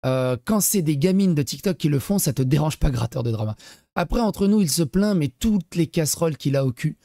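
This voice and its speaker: A man's voice: on the high side, expressive, a little fast, dark tone, dry recording, studio quality. Sarcastic man streaming reaction commentary. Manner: sarcastic, mocking asides; reads chat messages aloud. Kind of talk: casual live-stream commentary.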